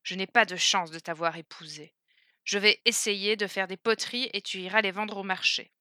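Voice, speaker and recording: A woman's voice: mid-range voice, fairly even intonation, moderate pace, bright, forceful tone, no room sound, clean studio sound, natural voice. A woman voicing a poor male beggar who talks in a firm, scolding, commanding way. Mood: stern. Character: stern poor male beggar, gruff and bossy.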